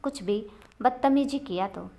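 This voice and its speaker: Woman reading as a stern middle-aged father, high and firm. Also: a little slow, creaky, warm tone. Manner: firm, scolding.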